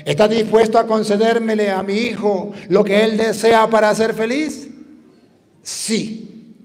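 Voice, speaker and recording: A priest preaching a sermon, telling a story and acting out its voices, rising to fervent emphasis. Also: male voice, high-pitched, level tone, unhurried, a little mellow, in a large hall.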